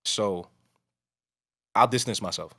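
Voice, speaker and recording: This podcast host talks slowly in a lowish, fairly bright, slightly rough voice. The conversation is casual and loose, and his strong voice wanders as he keeps restarting sentences.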